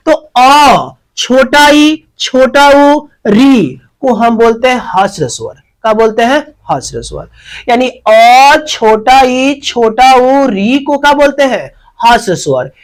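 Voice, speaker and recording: A medium-pitched teacher, recorded at low quality, works through exam-focused grammar at a teaching board. Questions are raised and then answered, with key terms said again and again.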